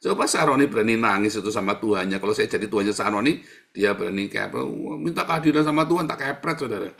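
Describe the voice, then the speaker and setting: A male pastor preaching in a colloquial, teasing manner, jumping between loud bursts and hushed asides. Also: fairly low pitch, expressive, fast, vocal fry. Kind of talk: sermon.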